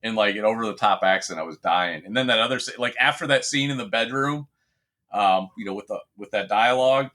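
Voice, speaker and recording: A man's voice: lowish voice, brisk, bright, forceful tone. A man co-hosting a podcast in casual chat, rambling with frequent restarts, fillers and swearing. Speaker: podcast co-host.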